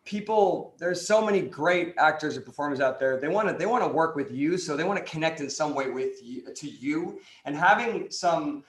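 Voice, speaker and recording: A man's voice: a little high, animated, normal speed, few pauses, roomy sound. A man joining an online class, rambling and repeating words, with lots of "like" fillers. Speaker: class participant.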